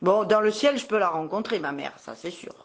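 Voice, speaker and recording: A woman with a mid-pitched voice speaks over the phone as a mother to a small child. Her talk is casual and affectionate, with playful, encouraging replies. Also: lively intonation, a little fast, heavy background noise. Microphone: telephone call.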